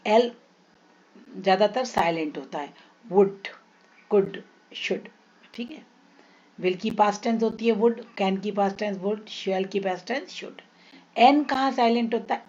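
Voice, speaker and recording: A woman with an Indian accent teaching an English grammar lesson, repeating example words slowly and putting questions to her students. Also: on the high side, darkish tone, highs cut off. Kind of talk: classroom lesson explaining rules.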